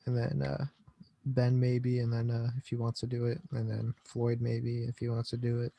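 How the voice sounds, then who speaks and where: A man hosts a podcast in a relaxed, rambling way. He talks casually and laughs often. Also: medium pitch, normal speed, creaky. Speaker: podcast host.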